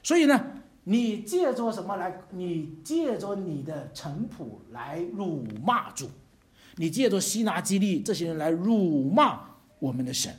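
A pastor preaching a sermon in an animated way, chuckling between phrases and asking the congregation rhetorical questions. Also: mid-range voice, a little slow.

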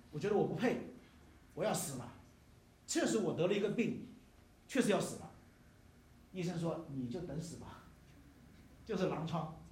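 A man's voice: a little high, a little mellow, a little hiss or hum. Older preaching man in an echoey hall. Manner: emphatic preaching with rhetorical questions. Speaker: pastor. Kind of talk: sermon. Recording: echoey hall, mic at a distance.

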